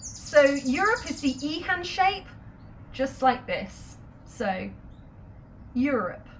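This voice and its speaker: High, lively woman teaching slowly. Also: slight background noise. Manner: patient, step-by-step explanations with light laughs. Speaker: sign language teacher. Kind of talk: instructional video lesson.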